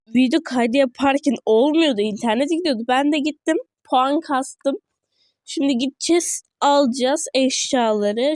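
High-voiced chatty woman narrating gameplay. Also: a little mellow, no room sound, clean studio sound. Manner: chatty, easily frustrated, talks to viewers. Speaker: gaming video creator. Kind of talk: casual gameplay commentary.

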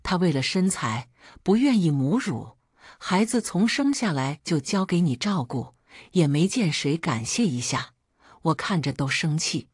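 A woman's voice: sits low, sing-song, unhurried, breathy edge, no room sound, studio quality, exaggerated voice. A woman voicing a sympathetic young adult daughter who speaks earnestly and encouragingly. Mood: caring.

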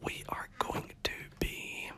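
A gaming host whispers soft, chatty commentary over gameplay at a slow pace, correcting himself as he goes. His voice is giving out, and he coughs now and then.

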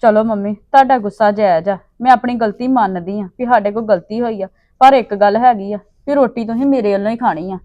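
A woman's voice: mid-range voice, brisk, hardly any pauses, no echo, dull audio. A woman with a Punjabi accent acting a pleading daughter-in-law in a family drama. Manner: pleading, appeasing.

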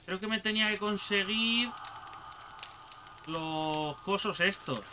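A young man with a Spain Spanish accent giving excitable let's play commentary, talking to himself and the game and swearing casually. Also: high-pitched, slow pace, background noise. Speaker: gaming channel host.

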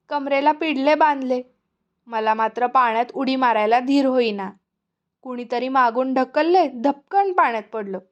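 Woman storyteller, high-pitched, gentle and expressive, muffled lo-fi audiobook recording. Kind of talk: audiobook narration.

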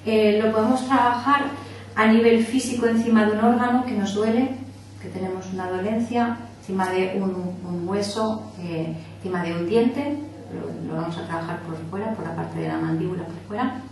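Recorded from afar in a small indoor meeting room, this echoey clip has a faint hiss and features a workshop instructor from around Barcelona, Spain. Her voice is medium-pitched and darkish, at a moderate pace. Teaching a small group informally, she explains, gestures with her hands, and often asks "¿vale?" to check understanding.

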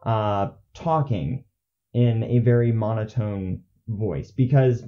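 Young male vlogger, unscripted and rambling, slow delivery, muffled lo-fi recording. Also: on the low side. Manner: rambling, self-correcting, filler-heavy; says he gets monotone when scripted. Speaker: channel host. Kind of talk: unscripted casual vlog. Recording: dull lo-fi audio.

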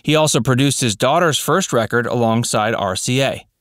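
A man narrating a scripted voice-over, reading facts in an even, read-out way. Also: mid-range voice, moderate pace, dry recording, clean studio sound.

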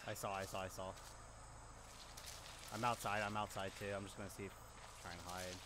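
Young male streamer, quick excited callouts, game noise loud under him. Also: low-pitched. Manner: quick, excited, calls out moves as he plays. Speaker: gaming channel host. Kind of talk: casual gameplay chat with teammates.

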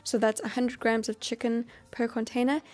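Calm woman explaining meal prep. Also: on the high side, normal speed. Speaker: cooking channel host. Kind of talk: instructional voice-over.

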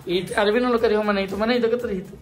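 A man's voice: high-pitched, steady tone, racing, soft background music. Playful Dominican man vlogging. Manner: playful, teasing, chatty. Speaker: vlogger host. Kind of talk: casual vlog chat.

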